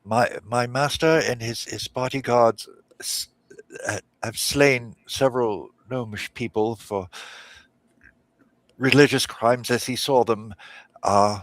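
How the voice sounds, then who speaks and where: A man's voice: medium pitch, fairly even intonation, slow, no room sound, natural voice, low-quality recording. A man voicing a meek young man who stammers through a confession. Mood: sheepish. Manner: stammering, hesitant.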